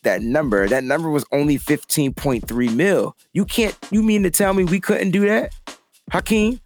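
A man hosting a casual sports talk show, excitable and given to repeating himself. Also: mid-range voice. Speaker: podcast host.

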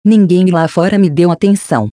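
A timid little girl in an audiobook asks shy, unsure questions, as a narrator puts her on. The voice is mellow and close, with a dry sound. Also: mid-range voice, a little fast, no room sound, lightly acted. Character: young girl, lost and unsure.

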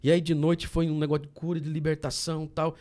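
A man from Brazil, a guest on a podcast, telling a personal story in a casual, animated way and often saying "cara". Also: fairly high pitch, fast. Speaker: podcast guest, candy entrepreneur.

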